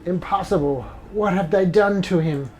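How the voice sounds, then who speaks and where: A man's voice: high-pitched, moderate pace, darkish tone, close to an everyday voice. A man reading the lines of a serious male butler in a video game. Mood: urgent.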